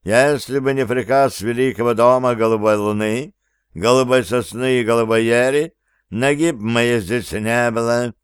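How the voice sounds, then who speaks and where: A man's voice: mid-range voice, steady tone, normal speed, clean tone, dry recording, studio quality, lightly acted. A man voicing a haughty elf professor who speaks with icy contempt.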